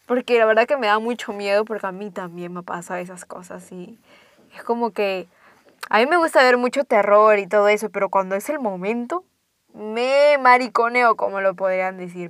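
A young woman, casually telling a ghost story and dropping to hushed tones for suspense. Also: medium pitch, moderate pace, dry recording, studio quality.

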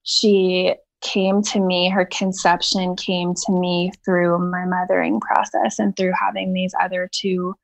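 A woman who is a podcast guest speaks hesitantly, with halting starts, over dull, lo-fi remote audio. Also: on the low side, level tone, vocal fry, no room sound, soft background music. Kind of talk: casual interview chat.

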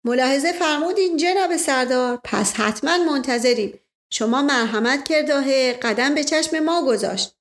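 Woman doing a sly, smooth-talking nobleman. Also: high-pitched, pitched above the performer's own voice, close to an everyday voice. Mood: coaxing. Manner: coaxing, playful, persuasive.

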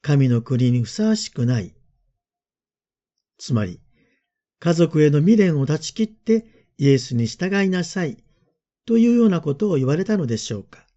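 Calm, mellow Japanese priest giving a homily. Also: male voice, fairly high pitch. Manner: calm, reflective, measured delivery. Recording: dull lo-fi voice message.

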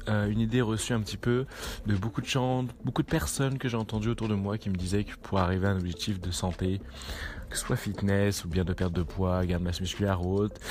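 A man, talking casually as a fitness coach and often checking in with his listeners. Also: lowish voice. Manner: casual and coaching, keeps checking in with the viewers with a tag question. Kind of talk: casual talk to camera.

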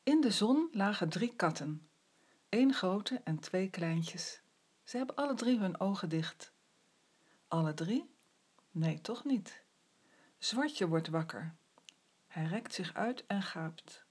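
A woman reading a children's story aloud in an expressive storybook manner. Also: medium pitch, slightly rough. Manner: expressive, slow storybook delivery. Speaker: reader.

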